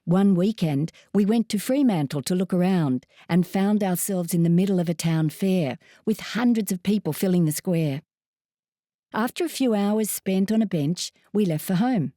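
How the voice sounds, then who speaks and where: Low, mellow-voiced woman narrating a memoir. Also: no room sound, clean studio sound. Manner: measured, steady storytelling. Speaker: narrator reading a personal memoir. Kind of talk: scripted first-person narration.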